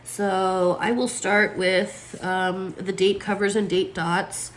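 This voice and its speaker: A planner vlogger with a froggy, allergy-worn voice chats casually while setting up her planner and placing stickers, using lots of fillers. Her mid-range voice is slow with little pitch movement, and the recording has a little hiss or hum.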